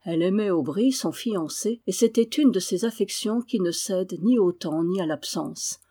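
A woman narrating a classic novel as an audiobook reader, with a measured reading that lifts into emotion in the dialogue. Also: mid-range voice, dark tone, slightly rough.

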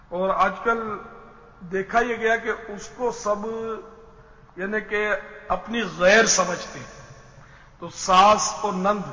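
A man's voice: high-pitched, sharp tone. A man preacher giving a patient, explanatory Islamic advice lecture on family life, using everyday examples. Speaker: religious preacher. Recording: dull lo-fi sound in a reverberant hall.

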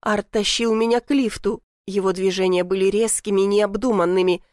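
A woman's voice: medium pitch, steady tone, moderate pace, a little mellow, no echo, studio quality. A woman reading a first-person novel aloud, telling it tensely and dramatically. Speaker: audiobook narrator.

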